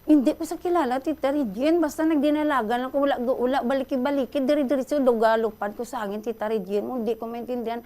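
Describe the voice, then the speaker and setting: A middle-aged Filipina with a Hiligaynon accent, calling in to a radio show and excitedly retelling a story. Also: female voice, high voice, fast talker, few pauses. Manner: excited, breathless retelling, addresses host often. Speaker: caller.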